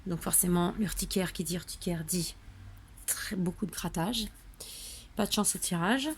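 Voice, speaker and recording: A woman's voice: on the low side, moderate pace, a little hiss or hum. A woman hosting a home papercraft tutorial, drowsy and tired, chatting in a rambling way with lots of fillers. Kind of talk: casual tutorial chat. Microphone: camera on a tripod.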